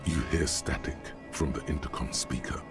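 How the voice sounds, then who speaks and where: An actor playing the ominous, wry inner narrator of a detective video game, speaking in a deliberate, dramatic, dry way. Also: male voice, a bass voice, fairly even intonation. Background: music.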